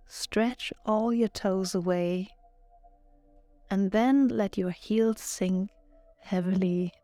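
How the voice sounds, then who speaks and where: A woman guides a yoga nidra relaxation meditation, speaking calmly, soothingly and at a measured pace. Her voice sits mid-range with no echo, and music plays in the background.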